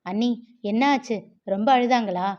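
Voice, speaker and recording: A woman's voice: on the high side, moderate pace, a little mellow, natural voice. Anxious young brother-in-law , woman reading, keeps asking whats wrong, muffled-ish audio.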